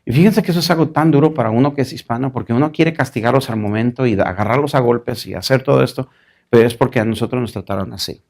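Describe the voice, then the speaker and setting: A male pastor delivering a sermon in a gravelly voice at a middle pitch. He tells stories with animation and drops into English phrases now and then. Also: fast talker, darkish tone.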